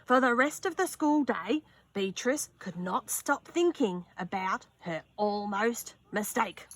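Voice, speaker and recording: Outdoors on a sunny wooden deck, a young woman with a mid-range voice reads a children's picture book aloud. She goes slowly and expressively, adding gasps and little asides.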